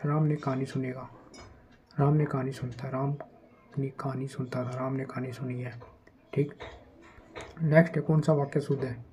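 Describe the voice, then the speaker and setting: A man with a mellow, warm voice teaches an exam-prep grammar lesson in a relaxed, conversational way. He reads each test sentence slowly, then picks up speed to warn about common traps. A faint hiss of noise sits under the recording. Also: medium pitch, rough recording.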